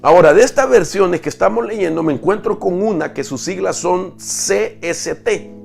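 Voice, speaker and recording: A man gives a sermon-style Bible teaching, explaining patiently and stopping now and then to ask himself how best to put it. His voice is gravelly and sits slightly high for a man. A soft guitar plays faintly underneath. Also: normal speed. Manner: explanatory, with restarts and rhetorical questions. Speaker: apostle preaching.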